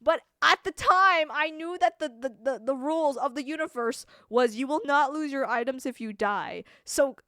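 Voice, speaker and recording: A woman streamer chatting casually with her viewers, animated, laughing often and swearing freely. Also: high voice, normal speed, few pauses, no room sound, clean studio sound. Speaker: streamer answering chat. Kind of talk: casual live-stream chat.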